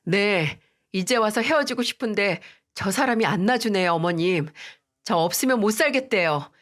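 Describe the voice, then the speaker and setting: A woman's voice: mid-range voice, lively intonation, moderate pace, a bit bright, natural voice. A woman voicing a defiant young wife who snaps dismissively at her mother-in-law in a read-aloud family drama story. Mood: cold, mocking. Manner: snappish, dismissive.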